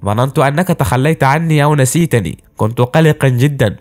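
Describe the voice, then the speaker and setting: A man's voice: medium pitch, fairly quick, close to an everyday voice. A man voicing an eager, cheerful young male disciple in a cartoon story. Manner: excited, eager.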